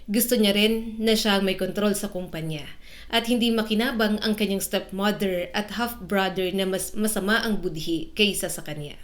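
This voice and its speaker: A woman telling a romance drama story in scripted, steady narration. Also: mid-range voice, moderate pace.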